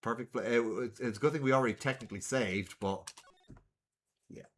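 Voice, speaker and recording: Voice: mid-range voice, a little fast, slight background noise. A streamer reading a game aloud live, voicing the cast and chatting between lines. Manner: lively, voices the cast, chuckles between lines. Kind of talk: live game read-through with commentary.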